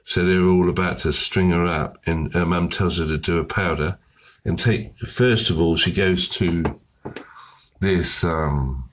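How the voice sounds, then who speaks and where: A hoarse man with a cold, chatting casually and summarizing a book, often losing his thread. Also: low-pitched, unhurried, fairly bright tone, a little hiss or hum. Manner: rambling, loses his thread and restarts. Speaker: book vlogger.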